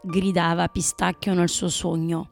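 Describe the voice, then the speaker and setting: A woman narrating a children's story in a gentle, measured manner. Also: on the low side, flat delivery, gravelly, soft background music.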